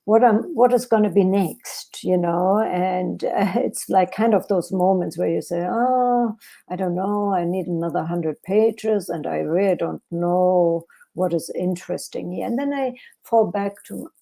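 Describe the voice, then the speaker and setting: Talking about how she writes on a podcast, a German-accented author from Germany sounds mellow and fairly low, with vocal fry and a slightly slow pace. She is thoughtful but hesitant, restarting often and using many fillers.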